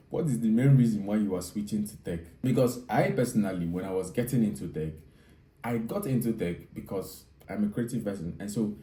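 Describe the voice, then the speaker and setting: Speaking straight to his audience, this video host and software developer in his thirties hammers home his advice by repeating the main points with emphasis. He has a fairly low, dark voice, recorded from a distance with lots of room echo.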